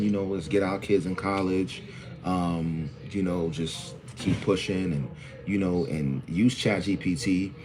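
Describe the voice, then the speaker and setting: A man's voice: sits low, noisy background. A man in his forties from New hosting a livestream, talking loosely and greeting viewers by name. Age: 40s. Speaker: livestream host. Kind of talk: casual livestream talk.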